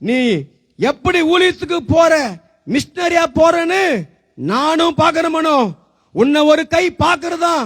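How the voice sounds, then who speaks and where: A man playing a gloating evil spirit who boasts slowly and menacingly about tempting a young believer in a church skit. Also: very high voice, animated, fairly bright tone, exaggerated voice. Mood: gloating menace. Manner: slow, menacing boasts with laughter.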